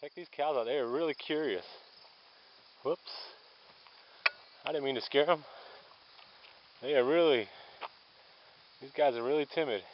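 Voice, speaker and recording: This man talks at a measured pace with long pauses, his voice mid-range, as he vlogs a thru-hike along a forest trail. He rambles casually, thinking aloud while walking, and the lo-fi camera sound is dull with a little outdoor noise in the background.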